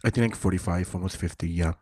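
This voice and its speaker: A man's voice: low voice, quick pace, darkish tone. A man with a lisp co-hosting a casual podcast, talking playfully, swearing freely and laughing often, on a condenser mic in a room at home. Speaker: podcast co-host. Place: room in a house. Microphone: condenser microphone.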